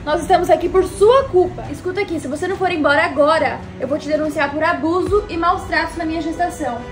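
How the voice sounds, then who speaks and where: A woman's voice: sits high, fairly even intonation, quick pace, fairly bright tone. A young woman with a Brazilian Portuguese accent playing an emotional young mother in a web drama. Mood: angry. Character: vain young mother who turns tender. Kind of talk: amateur web drama acting. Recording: echoey room with music behind.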